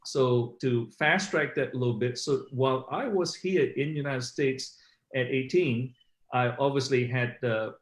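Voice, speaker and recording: Talking over an echoey, roomy online call, a middle-aged man from Malaysia shares his personal story conversationally as an interview guest. His pitch is medium and his pace a little slow.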